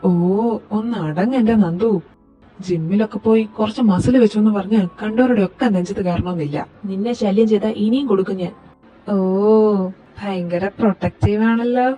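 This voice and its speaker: A woman performing every role in a fan audio drama, in a lively, teasing and quarrelsome way. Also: medium pitch, a little fast, highs cut off, soft background music. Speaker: voice actor reading all parts.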